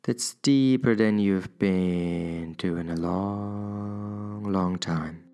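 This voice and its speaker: A man guiding a hypnosis session in a soothing, measured manner with drawn-out pauses. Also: lowish voice, mellow. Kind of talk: guided hypnosis induction, soothing instruction.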